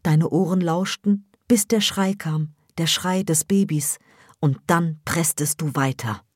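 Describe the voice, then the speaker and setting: A woman with a low voice reads a novel aloud for radio, measured and intense. She is recorded close on a studio mic with a dry sound. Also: darkish tone, slightly rough, dry recording. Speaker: reader. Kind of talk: literary narration for radio. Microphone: studio microphone.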